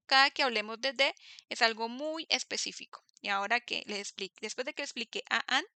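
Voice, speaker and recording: A woman teaching a class with a piercing, very bright and clear voice, pitched a little high. She explains grammar patiently, slowing to model words and stopping often with quick check-in questions. The sound is dry and close. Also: dry recording. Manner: patient, keeps checking understanding with tag questions; slows down to model English words. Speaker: English teacher.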